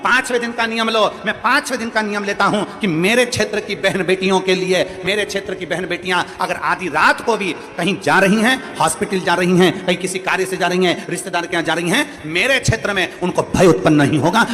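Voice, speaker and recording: A man's voice: high voice, brisk, hardly any pauses, a bit bright. A man preaching a devotional sermon, exhorting listeners through a repeated list of vows. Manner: repetitive, exhorting lists of vows. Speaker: religious preacher. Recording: reverberant hall with music behind.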